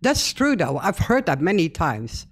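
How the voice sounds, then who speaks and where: A Dutch woman in her fifties from the Netherlands hosts a casual reaction video, chatting in English with a Dutch accent. Her fairly low voice swings widely in pitch at a measured pace. She is chatty, thinks aloud, and often breaks in with agreeing interjections.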